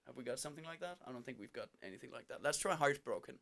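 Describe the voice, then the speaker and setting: A man doing stand-up comedy, telling an animated, self-mocking story. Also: mid-range voice, racing, vocal fry.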